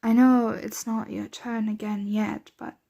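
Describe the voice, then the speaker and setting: In an ASMR roleplay, a woman voices a doting, aristocratic vampire mistress who has lived for centuries. Her voice sits a little high with a level, creaky tone, and she speaks softly, tenderly and unhurriedly, often drifting into whispers. The mood is doting and reassuring.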